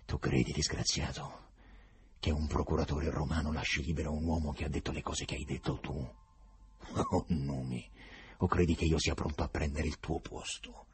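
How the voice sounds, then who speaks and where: A man voicing an imperious, tormented Roman procurator who roars furious commands and then mutters bitterly, in a husky voice. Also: rumbling low, fairly even intonation, moderate pace, a little hiss or hum. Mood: bitter, menacing.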